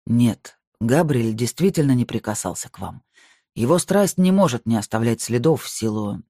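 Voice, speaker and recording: A stern male medium, played by an audiobook reader, speaks slowly in curt, grim sentences. His tone is warm and husky. The recording is dry and close. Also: mid-range voice, lively intonation, dry recording. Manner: slow, clipped and curt. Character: stern bearded male medium, weary and tense.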